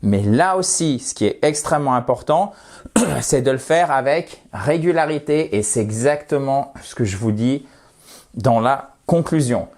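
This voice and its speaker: A man who speaks natively, teaching an English lesson online, lively and talking straight to his viewers, checking in with them often. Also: mid-range voice, measured pace.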